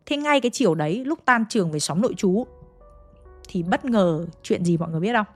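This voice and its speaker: A woman's voice: mid-range voice, lively intonation, brisk, faint music behind. A woman with a Hanoi accent retelling a ghost story in a chatty, dramatic way, speaking straight to her listeners. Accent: Hanoi Vietnamese.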